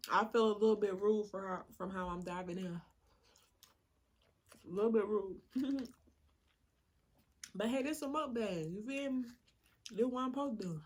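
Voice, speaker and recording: A woman's voice: mid-range voice, measured pace, long pauses, a little mellow, husky. A young woman, chatting casually while eating for a mukbang video, laid-back, laughing often and using many fillers. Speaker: mukbang vlogger.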